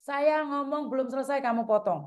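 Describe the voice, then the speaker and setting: Brief: woman host, stern and lecturing, slightly higher voice. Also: brisk. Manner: firm, scolding, calls caller "dear". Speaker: advice host. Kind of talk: advice phone call.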